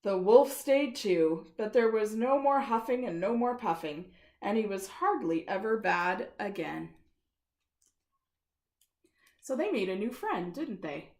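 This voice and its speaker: A woman's voice: mid-range voice, a little slow. A woman reading a children's storytime aloud and asking the children questions. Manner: animated, asks children questions. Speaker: storytime reader. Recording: echoey room.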